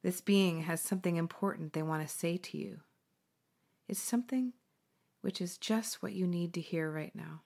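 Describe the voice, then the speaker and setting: A woman guides a meditation in a calm, unhurried way. Her voice sits a little low and soothing, with gentle pauses between phrases. She sounds like she is hosting a relaxation session. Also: creaky.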